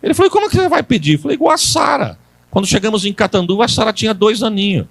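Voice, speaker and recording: High-voiced preacher man. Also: animated, rapid-fire, gravelly, slightly rough. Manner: call-and-response with congregation, rising to loud preaching; folksy storytelling with colloquial grammar. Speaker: pastor. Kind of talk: Pentecostal sermon with storytelling. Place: church service.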